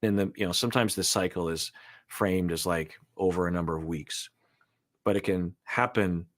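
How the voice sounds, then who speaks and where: Low-voiced male therapist, thoughtful. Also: steady tone, moderate pace. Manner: thoughtful, hesitant, many fillers and restarts, explains patterns. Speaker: therapist co-host reacting to a reality show. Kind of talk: casual reaction commentary.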